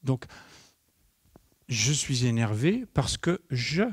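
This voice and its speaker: A middle-aged man giving a live conference talk as a trainer, lively, acting out short dialogues and putting questions to the audience. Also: medium pitch, slow pace, slightly rough, dry recording, clean studio sound. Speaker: nonviolent communication trainer. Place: conference room.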